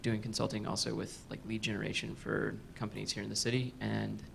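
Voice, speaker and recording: A man's voice: fairly low pitch, level tone, brisk, gravelly, a bit bright, a little hiss or hum. A man introducing himself on a panel, loose and joking. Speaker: panelist, fellow.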